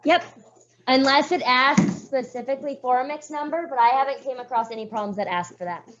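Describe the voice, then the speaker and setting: Slightly hoarse woman teaching a math class. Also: high-pitched, fairly quick, dull audio. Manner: walks students through steps, calls on pupils by name. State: voice getting hoarse.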